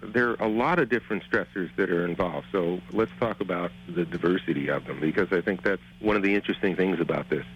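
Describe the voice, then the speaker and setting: A male professor explaining his research as an interview guest, in a measured, methodical, academic way. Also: sits low, dull audio, a little hiss or hum.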